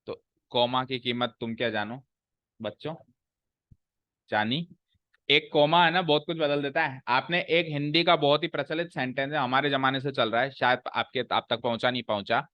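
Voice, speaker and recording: A man's voice: mid-range voice, moderate pace, no echo, highs cut off. A man teaching English grammar to a class, repeating his points and quizzing the students as he goes. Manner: explains by repeating and asking the class questions. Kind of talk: classroom lecture.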